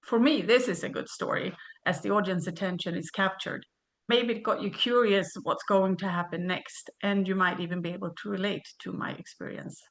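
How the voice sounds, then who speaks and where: A woman in her fifties from Sweden, reading a prepared webinar presentation in a measured way over a video call. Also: medium pitch, fairly even intonation.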